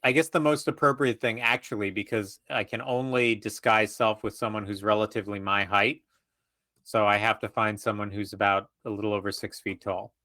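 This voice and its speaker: A man takes part in a tabletop game as an eager, chatty player. His voice is fairly low but bright and forceful. The recording is dry and close. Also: steady tone, brisk, no echo. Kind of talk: casual tabletop play.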